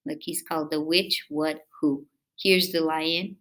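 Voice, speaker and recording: A woman with a deep voice reads a children's picture book a little slowly and very expressively, elongating words and inviting her young audience in with chatty questions.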